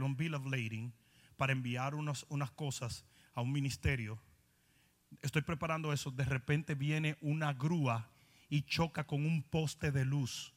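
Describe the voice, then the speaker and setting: A man preaching a confrontational sermon with a high, bright, forceful voice. His words ring out with a long reverb tail, as in a big church hall. He presses his listeners directly and does not soften his words. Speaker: pastor.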